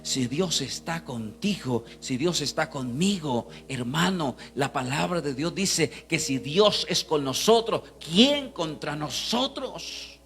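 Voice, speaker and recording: A male pastor preaching a fervent sermon, swinging from hushed to loud and calling out to the congregation. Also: fairly high pitch, expressive, measured pace, hardly any pauses. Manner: calls out to the congregation.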